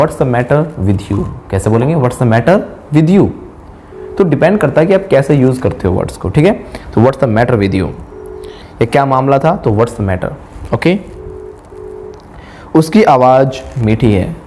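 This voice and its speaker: A middle-aged man teaching spoken English, asking quiz questions and repeating each English sentence slowly. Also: mid-range voice, warm tone, a little hiss or hum. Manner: asks the viewer rhetorical quiz questions.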